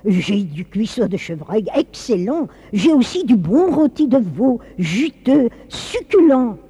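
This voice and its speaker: Woman reading as eager, oily butcher in a storybook tale; slow and sweet, soft husky tone. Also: fairly high pitch, very animated, in a large hall, heavily acted. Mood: fawning. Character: fawning male butcher, eager to please.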